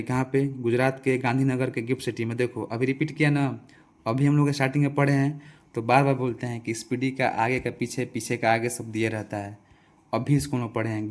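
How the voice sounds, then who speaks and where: A man's voice: mid-range voice, a little mellow. Bihari man teaching exam revision. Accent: Bihari Hindi. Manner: conversational, repeats answers, asks and answers own questions. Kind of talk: casual current-affairs revision lesson.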